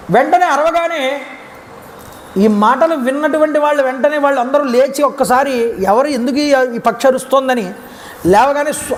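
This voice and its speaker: A man with a Telugu accent giving a devotional discourse that retells an epic story, acting out the characters' words as he goes. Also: very high voice. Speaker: Ramayana discourse speaker. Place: temple grounds. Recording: reverberant hall, faint background noise.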